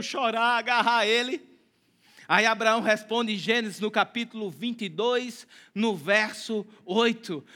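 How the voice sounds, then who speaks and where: A male pastor with a Brazilian Portuguese accent preaching a lively sermon, acting out quotes and building to shouts. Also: high-pitched. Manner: animated, acts out quotes in other voices; rises to shouting at climaxes.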